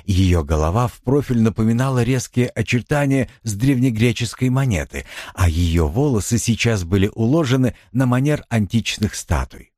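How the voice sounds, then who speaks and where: Guy narrating an audiobook, lowish voice that swings around a lot, dry close mic. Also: warm tone, no room sound. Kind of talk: audiobook reading.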